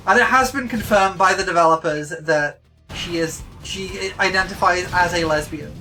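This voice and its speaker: A woman streaming a video game in a cute anime streamer manner, excitable, gushing and playful as she chats to viewers. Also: lowish voice, moderate pace, far from the mic, over music.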